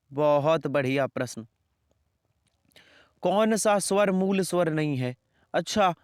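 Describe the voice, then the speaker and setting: A man teaching an exam-prep lesson who asks questions, answers them himself as the student, and repeats each point slowly. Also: fairly high pitch, clean tone, no echo, clean studio sound. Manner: plays both teacher and student, saying "sir". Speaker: Hindi teacher.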